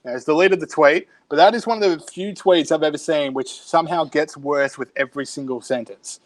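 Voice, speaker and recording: Wry Australian man, slightly high voice. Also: fairly quick. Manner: wry, sardonic, reads out tweets. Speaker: podcast co-host. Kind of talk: casual podcast banter. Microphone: remote recording from home.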